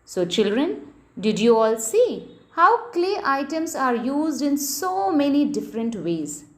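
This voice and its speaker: A high-voiced woman leads a children's lesson. She reads slowly, her pitch rising and falling in a lively sing-song way. She speaks clearly, as if for young pupils. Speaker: teacher.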